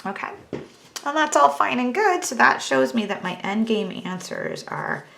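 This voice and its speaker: A woman's voice: on the high side, animated, unhurried, creaky, a bit bright. A woman teaching a math lesson, talking through each step on a calculator in a chatty, self-teasing way.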